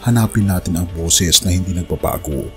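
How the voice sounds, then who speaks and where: This religious news commentary is delivered by a man with a low, slightly bright voice at a brisk pace. He reads scripted news mixed with preaching, earnestly speaking to the listener as a friend, over soft background music.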